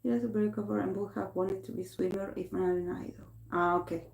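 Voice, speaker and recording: An Argentine woman, a native Spanish speaker, hosts a tarot livestream in English, chatting away, restarting often and reading comments aloud. Her medium-pitched voice is steady, quick, slightly mellow, with vocal fry, in a room with noticeable echo.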